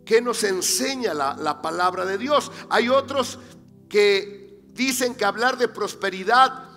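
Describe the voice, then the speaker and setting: A pastor with a strikingly high, bright voice preaches slowly and deliberately. He poses questions to the congregation, answers them himself and builds to forceful declarations. His sermon rings through a long-echoing church hall over soft background music. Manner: rises to emphatic, near-shouted declarations. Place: church sanctuary.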